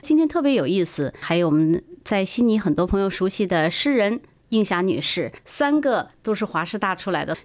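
A woman hosting a radio interview, guiding her guest with prompting questions. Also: medium pitch. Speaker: radio host.

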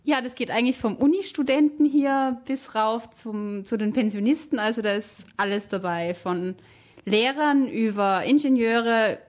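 A young Tyrolean woman who teaches German answers interview questions chattily, speaking standard German with a light Austrian, Tyrolean-tinged accent. She often corrects herself and uses many fillers. Her voice is fairly high, a little mellow, at a moderate pace.

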